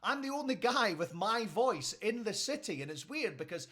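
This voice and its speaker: Scottish man, chatty storyteller, live stream host, animated swooping pitch, slightly high voice. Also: normal speed. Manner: chatty, keeps checking in with listeners.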